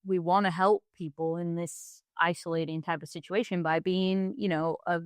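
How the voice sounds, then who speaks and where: A woman's voice: fairly low pitch, fairly even intonation, normal speed, clear, resonant tone, dry recording. A woman co-hosting a podcast in casual chat, friendly in manner. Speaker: podcast co-host.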